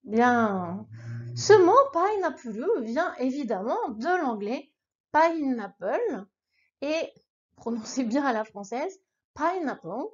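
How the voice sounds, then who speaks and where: Woman, patient encouraging teacher, high voice, unhurried drills, muffled recording. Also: big pitch swings, darkish tone, slightly rough. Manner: patient, encouraging, addresses the listener informally. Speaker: Japanese language teacher. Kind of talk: beginner language lesson with repeat-after-me drills.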